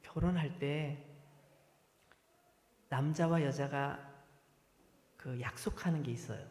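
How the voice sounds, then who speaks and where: A man from Korea preaching a Sunday sermon in a church, earnest and emphatic, slowing down to stress each point. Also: on the high side, darkish tone. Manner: earnest, emphatic preaching with slowed, drawn-out lists. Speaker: pastor. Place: church sanctuary. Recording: echoey hall reverb.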